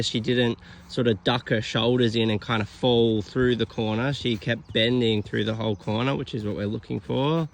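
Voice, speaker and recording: While filming a horse training session, a man comments casually in a mid-range, gravelly voice. He explains things in a relaxed way, using lots of fillers.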